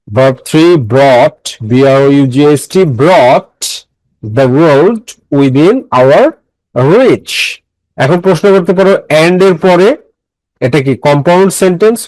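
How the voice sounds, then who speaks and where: Male grammar teacher, fairly high voice, dry close mic. Methodical, repeats and quizzes the class. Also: a little mellow, no room sound, low-quality recording. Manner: explains step by step, repeats phrases and quizzes listeners; mixes English phrases into his speech. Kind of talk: classroom lecture.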